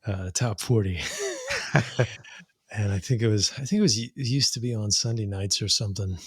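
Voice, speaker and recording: A middle-aged man, a singer-songwriter guest on a podcast, telling his story with animated delivery, frequent laughs and imitated sounds. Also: on the low side, moderate pace, slightly rough, no room sound, studio quality.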